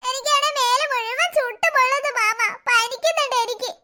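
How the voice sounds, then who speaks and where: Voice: very high-pitched, a little fast, pushed and bright, exaggerated voice. A voice actor playing a mischievous, whiny little girl who scares easily. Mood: pleading. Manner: whiny, then shrieking in panic. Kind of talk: cartoon voice acting.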